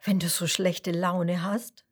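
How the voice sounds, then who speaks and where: A woman voicing a cheerful, friendly male fish who never loses his good mood, asking gentle, kindly questions in a children's story. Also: lowish voice, flat delivery, takes it slowly, slightly rough.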